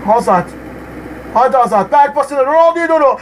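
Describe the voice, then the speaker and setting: A young man playing a football video game, commenting live and swinging from muttering to yelling at the players. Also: very high-pitched, lively intonation, moderate pace, slight background noise, rough recording. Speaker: gamer.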